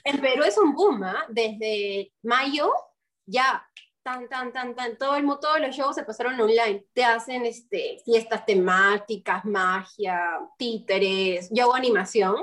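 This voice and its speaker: A woman's voice: on the high side, unhurried, few pauses, a bit bright. A young woman with a Peruvian accent chatting with many fillers, speaking over a video call from home. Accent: Peruvian Spanish. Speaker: guest, children's entertainer. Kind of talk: casual chat.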